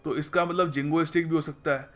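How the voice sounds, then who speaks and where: Man explaining vocabulary, slightly high voice. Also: fairly even intonation. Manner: explains in Hindi, reads English example sentences slowly. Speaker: English vocabulary teacher. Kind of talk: explaining lesson.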